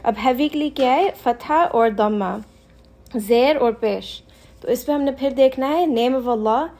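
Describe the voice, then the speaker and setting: Woman teaching a class, patient, repeats stuff slowly, bit of hiss behind. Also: on the high side, warm tone. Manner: patient, mixes Hindi-Urdu with English, repeats examples slowly. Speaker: Quran recitation teacher. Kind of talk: class lesson.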